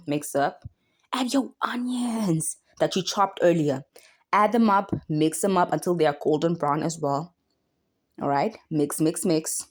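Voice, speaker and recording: A woman's voice: deep voice, darkish tone. A young woman from South Africa with a South African accent, talking viewers through a recipe in a playful, sing-song way. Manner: playful, sing-song chanting while stirring. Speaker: cooking vlogger. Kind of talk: casual cooking tutorial.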